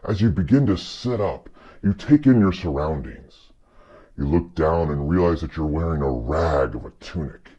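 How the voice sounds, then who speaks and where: A man with a very low voice narrates a tabletop dungeon scene at an unhurried, deliberate pace. His tone is dark and husky. The recording sounds dull and muffled. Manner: slow, measured storytelling. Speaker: game master narrator.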